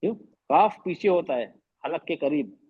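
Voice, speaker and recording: A man teaches an online class in a fairly high voice, explaining patiently and going over each point again. He slips English phrases into his talk. The sound is muffled, as over a video call. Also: lively intonation, normal speed, a little mellow, husky. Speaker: tajweed teacher.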